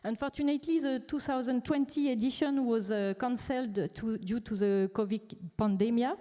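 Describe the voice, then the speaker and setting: Woman, formal welcome, frequent fillers, fairly high pitch, echoing hall. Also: steady tone, normal speed, dark tone. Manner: hesitant, many filler sounds. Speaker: conference co-chair, sales manager. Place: large conference hall. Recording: reverberant conference hall.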